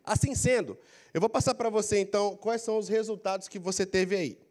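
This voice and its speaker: Lively high-voiced Brazilian coaching lecturer. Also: male voice, fairly quick. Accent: Brazilian Portuguese. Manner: animated, prompts audience to repeat phrases. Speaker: career coaching speaker. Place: large council auditorium. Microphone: handheld mic, walking the floor.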